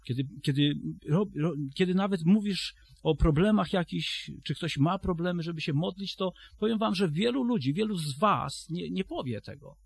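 A man's voice: sits high, expressive, normal speed, creaky, few pauses, slightly rough, no room sound. A man preaching a sermon to a congregation, retelling a story and then addressing his listeners directly, often restarting his phrases.

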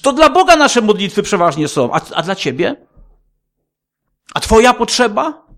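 A man's voice: high voice, very animated, moderate pace, a bit bright. A male pastor preaching a sermon in a conversational style, with frequent rhetorical questions. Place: church.

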